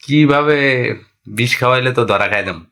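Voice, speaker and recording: An actor playing a scheming young lover, talking in a coaxing, conspiratorial way with a Bangladeshi accent. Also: male voice, mid-range voice, brisk, fairly bright tone, close to an everyday voice. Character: scheming young male lover plotting murder. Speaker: wife's lover. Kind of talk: amateur drama acting.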